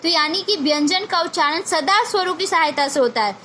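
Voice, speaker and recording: High bright woman teaching grammar. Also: lively intonation, brisk, a little hiss or hum. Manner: repeats points, quizzes and answers herself, mixes English words. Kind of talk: classroom grammar lesson.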